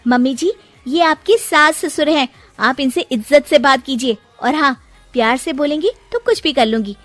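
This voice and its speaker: A woman voicing a cheeky, defiant young daughter-in-law who talks back in a high, mocking voice. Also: lively intonation, normal speed, no echo, faint music behind. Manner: sassy, mocking, high-pitched.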